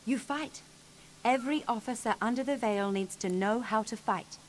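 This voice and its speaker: A woman's voice: a little high, normal speed, natural voice. Brief: a woman voicing a demanding combat overseer, curt delivery, faint noise. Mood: stern. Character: stern female officer overseeing combat trial.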